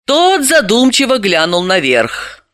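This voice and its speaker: An audiobook narrator reading a novel with expressive, animated delivery. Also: medium pitch, slow, dry recording, studio quality. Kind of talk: scripted narration.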